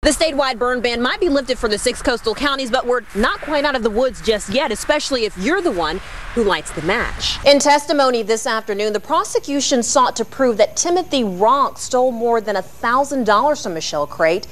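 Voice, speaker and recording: A woman's voice: a little high, lively intonation, a little fast, fairly bright tone, a little hiss or hum. A woman TV news reporter delivering stories and live reports on location, upbeat and chatty. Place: outdoors on location.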